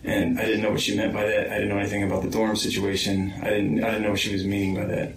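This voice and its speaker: A man with a low, flat voice speaks slowly in an interview, stopping often with ums as he recounts events. He sits some way from the mic in an echoey room, with a faint hum of room noise underneath. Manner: hesitant, slow, many ums. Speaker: interviewee, victim's son. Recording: roomy far-off interview mic.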